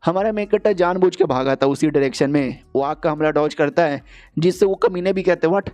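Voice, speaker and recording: A man's voice: on the high side, brisk, a little mellow. A man narrating a story recap in a casual, slangy way.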